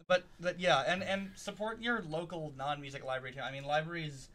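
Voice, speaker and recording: A man hosting a casual news rundown, halting often with fillers and restarts. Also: on the high side, fairly even intonation, a bit bright, rough recording. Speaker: podcast host.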